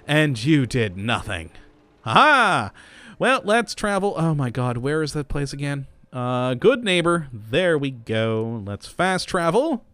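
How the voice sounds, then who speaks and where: Let's-play man: chatty and animated, with clear tone on a dry mic. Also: fairly high pitch, unhurried, few pauses, dry recording. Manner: chatty, laughs often, hums while choosing. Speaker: gameplay commentator. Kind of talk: casual let's-play commentary.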